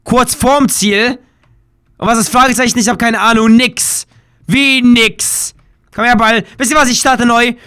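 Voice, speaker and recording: A man with a strikingly high voice hosts a let's play with excitable commentary. His tone is bright and cutting, and he shouts and yelps whenever something goes wrong. Between outbursts he rants and swears in a loose, casual way. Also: unhurried, clear, resonant tone.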